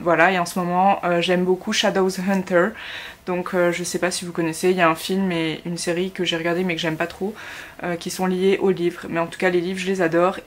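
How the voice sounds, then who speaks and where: Low-voiced chatty French woman vlogger. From France. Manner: chatty, many fillers and restarts. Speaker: YouTuber. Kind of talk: casual talk to camera. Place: at home in Korea.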